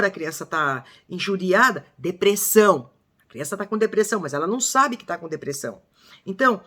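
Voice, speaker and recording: A woman's voice: mid-range voice, fairly bright tone. An older woman from Brazil talking casually to her viewers, acting out quoted speech with emphasis. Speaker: vlogger.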